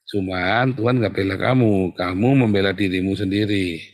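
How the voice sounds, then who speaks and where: A man preaching a sermon in casual everyday speech. He swings between loud exhortation and soft hushed asides, and laughs at his own jokes. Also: deep voice, fairly even intonation, normal speed, no room sound, studio quality. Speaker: pastor.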